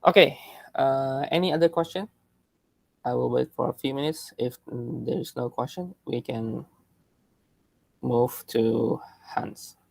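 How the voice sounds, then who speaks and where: A man teaching a class over a video call, explaining slowly with hesitations and checking in with his listeners. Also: mid-range voice, gravelly, a little mellow, no room sound. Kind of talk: online class lecture.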